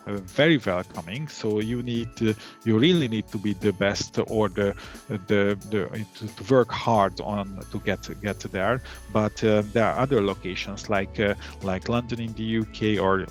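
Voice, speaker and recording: Middle-aged guy from hungary, low voice, halting answers full of uhs, faint music underneath. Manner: halting, many fillers and restarts; calm. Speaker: interview guest, data analytics head. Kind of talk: interview answers.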